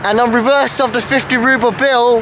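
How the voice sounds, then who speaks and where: A man narrates his travel vlog straight to a handheld camera on a wintry city street, shivering with cold. His voice sits fairly high and his delivery is chatty and informative. Faint traffic hums in the background. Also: fairly even intonation, a little fast. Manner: chatty, informative, self-filming. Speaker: travel vlogger. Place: outdoors in a city street in winter.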